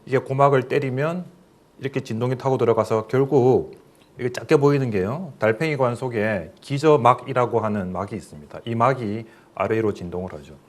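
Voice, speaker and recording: A man's voice: medium pitch, brisk. A middle-aged man, a professor, giving a recorded lecture in a plain explanatory way, with fillers and questions to the listeners.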